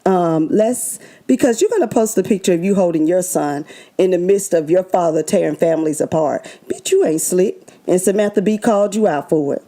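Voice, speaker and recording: A woman's voice: fairly low pitch, animated, a little fast, dark tone. A woman co-hosting a casual talk show, blunt and profane, cracking jokes and laughing as she talks. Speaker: co-host. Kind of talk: casual chat.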